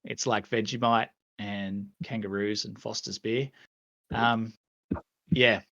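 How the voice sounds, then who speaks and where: Bright-voiced Australian man hosting. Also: lowish voice, flat delivery, slow, no room sound, highs cut off. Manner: laid-back, lots of fillers. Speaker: community host. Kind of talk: casual stream chat.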